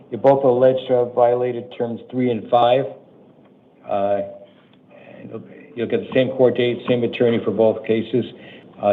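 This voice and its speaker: Flat, low-voiced male judge, muffled audio. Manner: matter-of-fact, halting, businesslike. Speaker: judge presiding over initial appearance hearings. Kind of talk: procedural court announcements read to defendants. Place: courtroom. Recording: muffled, noisy courtroom livestream audio.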